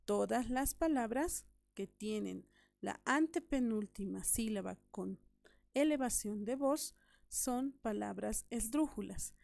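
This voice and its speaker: A woman's voice: a little high, lively intonation, slow, vocal fry, darkish tone, dry recording. A woman teaching a recorded grammar lesson to young pupils, explaining step by step, repeating key points and checking that they follow. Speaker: primary school teacher.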